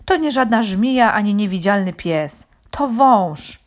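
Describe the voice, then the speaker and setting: A woman's voice: mid-range voice, lively intonation, a little slow, lightly acted. A woman voicing a wise, dignified male horse in a children's story, speaking firmly. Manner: firm and authoritative.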